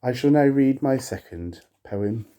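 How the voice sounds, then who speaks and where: Animated and dark in tone, this medium-pitched man hosts his own video and reads poems aloud with slow, dramatic flair. Between the verses, his chat turns wry, playful, and self-mocking.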